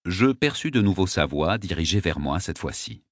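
A man reading a first-person novel aloud as an audiobook narrator, measured and dry. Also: low-pitched, animated, no echo.

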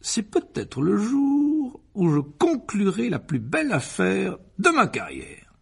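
A man voicing a pompous, blustering middle-aged uncle in an audiobook, with slow, booming emphasis. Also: wildly swooping pitch, gravelly, slightly rough, heavily acted. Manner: booming, self-important, slow emphatic delivery.

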